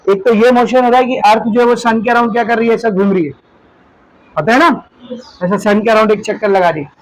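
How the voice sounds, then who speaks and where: Speaking fairly quickly in a high-pitched, steady voice, an Indian-accented man teaches physics to a class. He explains with objects as demonstrations, asks questions and then answers them himself, and addresses students as "beta." The recording is low quality.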